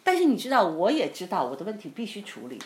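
A woman pastor telling a personal faith story in a casual interview, animated and laughing often as she acts out what people said. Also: medium pitch, fast. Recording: roomy echo with faint noise.

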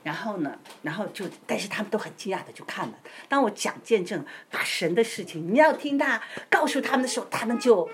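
Lively woman telling a healing testimony. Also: medium pitch, fairly quick, hardly any pauses, a little hiss or hum. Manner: keeps asking "you know?", acts out voices. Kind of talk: animated testimony storytelling.

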